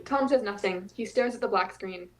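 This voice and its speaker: A woman reading the scene narration of an audio drama in a plain, even way. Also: mid-range voice, moderate pace.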